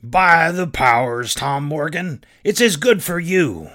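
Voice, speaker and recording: Slow, forceful seafaring rogue landlord. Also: male voice, fairly high pitch, animated. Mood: stern, indignant. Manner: drawling, emphatic, salty sailor speech. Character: big, cheerful, cunning one-legged seafaring tavern landlord.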